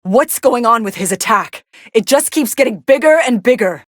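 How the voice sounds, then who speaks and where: A woman playing a cool, sardonic young female android who commentates on fights in a video game, deadpan, dry and aloof. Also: on the high side, normal speed, dry recording. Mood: surprised.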